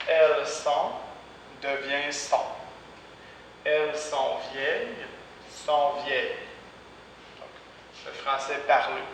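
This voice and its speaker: Slow, deliberate teacher. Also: male voice, a little high, a bit bright. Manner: slow, deliberate, repeats each example twice. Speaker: French teacher. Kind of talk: language lesson. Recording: echoey room, voice far from mic, faint background hiss.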